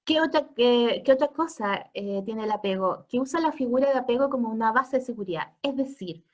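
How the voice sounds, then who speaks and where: A woman's voice: a little high, animated, fairly quick. A middle-aged woman teaching an informal class, chatty, often checking in with listeners and laughing. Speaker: family constellations teacher. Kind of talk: informal online class lecture.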